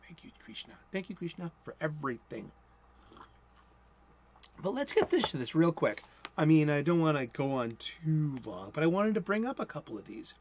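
A little hiss or hum sits under this host's voice, which is on the high side and moves at normal speed. He is a Boston man in his forties giving a casual sermon from a cluttered room at home. He rambles, stops himself mid-sentence, and mumbles faster when excitement takes over.

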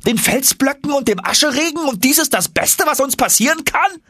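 A man voicing an anxious, excitable young man who asks in high, alarmed bursts. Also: brisk, dry recording, heavily acted. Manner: high, alarmed, pressing questions.

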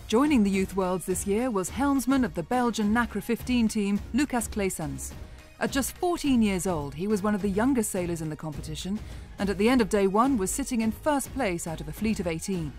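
Woman, news voice-over, polished and measured, faint music behind. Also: medium pitch, lively intonation, a little mellow. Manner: measured, polished broadcast delivery. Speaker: narrator. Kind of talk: scripted sports news narration.

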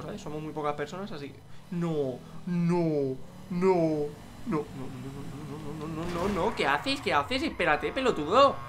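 Young man, Spanish accent from Spain, bright edgy voice, hyped game commentary. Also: high-pitched, slight background noise. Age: young adult. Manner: excitable, swears and yells at other players. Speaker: gaming YouTuber. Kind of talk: live gaming commentary.

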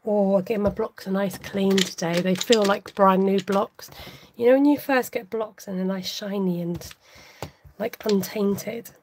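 A woman's voice: medium pitch, steady tone, measured pace, darkish tone, slight background noise. A woman hosting a live craft tutorial, chatting casually to her viewers while she works.

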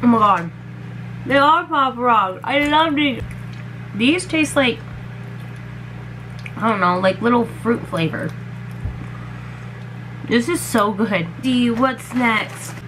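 A young woman tastes snacks and talks with her mouth full, her words muffled by food. She speaks slowly and rambles casually. A steady background noise sits under her voice. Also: a little high. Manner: chatty, rambling, lots of "like" and "oh my god". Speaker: vlogger.

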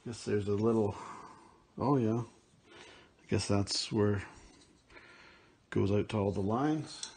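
Off camera at an indoor table, a picker and vlogger casually shows off what he found at auction, thinking aloud and musing with fillers as he unboxes. His voice is lowish, darkish and slightly rough, and he goes slowly with long pauses.

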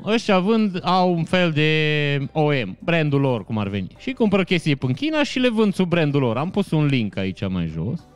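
Chatty male streamer, relaxed live chat with his viewers, laughs often, smooth clear tone. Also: a little high. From Romania. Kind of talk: casual live-stream chat reading comments.

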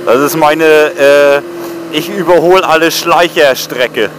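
Casual male motovlogger, voice a touch high, helmet mic, light traffic and engine noise. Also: takes it slowly. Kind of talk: casual chat while riding. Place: outdoors on a motorbike in city traffic.

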